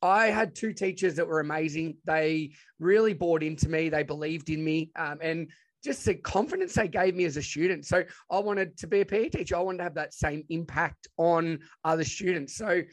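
A man's voice: on the high side, moderate pace. A man with a broad Australian accent, chatting informally and enthusiastically as he tells stories as an interview guest. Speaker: podcast guest, educator and presenter. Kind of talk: casual interview storytelling.

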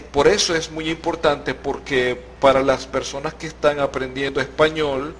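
A Venezuelan man talks through a podcast in an unhurried, patient way. He lays out meanings step by step with examples and laughs easily. A faint noise sits under the recording. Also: mid-range voice, a bit bright. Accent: Venezuelan Spanish. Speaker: podcast host. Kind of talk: slow explanatory podcast chat.

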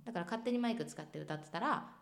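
Lively woman telling a story. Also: medium pitch, very fast, vocal fry. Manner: animated, expressive storyteller. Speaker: singer, interview guest. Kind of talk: casual storytelling interview.

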